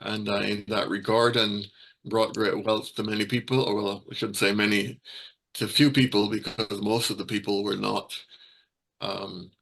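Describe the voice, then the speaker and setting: Halting low-voiced man from Barbados. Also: level tone, creaky, a bit bright, poor audio. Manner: halting, many fillers and restarts. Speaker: guest speaker. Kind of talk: hesitant informal presentation.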